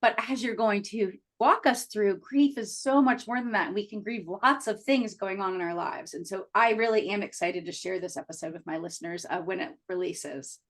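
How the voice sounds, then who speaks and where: A woman's voice: medium pitch, normal speed, few pauses. A woman hosting a podcast interview who speaks with eager enthusiasm and often fills her sentences with "you know". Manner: enthusiastic, warm welcome with frequent "you know" fillers. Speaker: podcast host.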